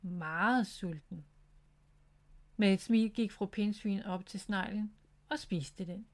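A woman narrates a children's storybook in a gentle, clear reading voice. Her pitch sits in an ordinary middle range.

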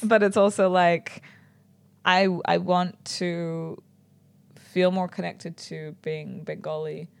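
A woman in casual conversation, reflective and laughing often, trailing off softly. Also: lowish voice, little pitch movement, slow pace, gravelly, clear, resonant tone, no echo. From New Zealand.

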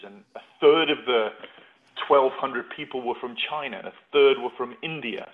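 A middle-aged man from North Yorkshire, a podcast guest telling his story in a reflective, stop-and-start way. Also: medium pitch. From England, North Yorkshire. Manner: reflective, with frequent restarts. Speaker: podcast guest, patent consultant. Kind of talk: casual interview talk. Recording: tinny phone-like line.

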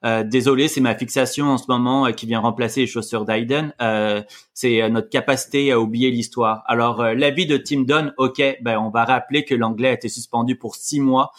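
A man's voice: mid-range voice, steady tone, fairly quick. A man co-hosting a podcast, reading news items with frequent hesitations. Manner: reads news items with fillers. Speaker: podcast co-host. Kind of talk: casual podcast news chat.

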